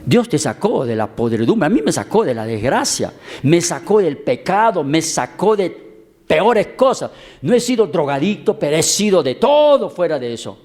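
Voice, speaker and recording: High-voiced man preaching with drama. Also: very animated. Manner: dramatic preaching, swings loud and high for emphasis, slows words; acts out voices in a story. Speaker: pastor. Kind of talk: sermon.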